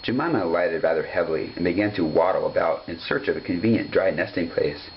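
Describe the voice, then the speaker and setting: A man with a low-pitched voice reads a children's story straight from the page at a fast pace. The home recording sounds dull and carries some hum.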